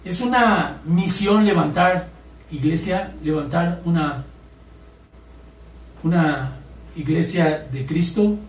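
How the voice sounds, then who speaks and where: A pastor with a fairly high voice preaches a sermon slowly, pausing often, asking his congregation questions and mimicking complainers in a whiny voice. The mic is distant, in an echoey room with faint ambience.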